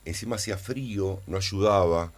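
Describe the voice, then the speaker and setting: An Argentine man, an actor in a casual interview, who speaks haltingly and often repeats words while searching for them. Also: low-pitched. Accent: Argentine Spanish.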